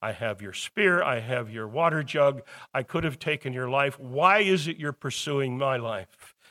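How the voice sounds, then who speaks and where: A man's voice: mid-range voice, animated, measured pace, pushed and bright. A man voicing the biblical David, a young, earnest and loyal man, in quoted lines of a Bible lesson. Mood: pleading. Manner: plain retelling with quoted speech.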